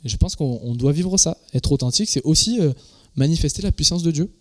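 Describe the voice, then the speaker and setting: A man's voice: a little high, expressive, brisk. A man, a pastor, preaching a sermon in a conversational, informal way, often repeating words as he searches for phrasing. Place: church.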